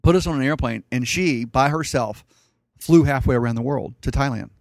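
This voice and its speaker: A man's voice: medium pitch, a little fast, darkish tone, dry recording, studio quality. A man in his sixties, a guest on an interview show, telling stories from his past in a plain, matter-of-fact way. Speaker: podcast guest, real estate investor. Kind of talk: casual interview storytelling.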